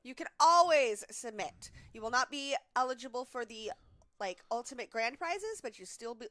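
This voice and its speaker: A woman co-hosting a livestream chats casually, teases her partner and reads viewer questions aloud. Her voice is fairly high and bright. The sound is dry and close. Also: animated, moderate pace, dry recording. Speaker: livestream co-host. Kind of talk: casual stream chat.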